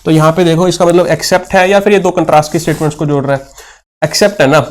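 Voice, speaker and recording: Young guy explaining english grammar for exam prep, kinda high voice, reads the questions out slow. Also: fairly even intonation. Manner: explains patiently, asks and answers his own questions; mixes Hindi with English terms, reads questions slowly. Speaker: English teacher. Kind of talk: exam-prep lesson, solving questions aloud.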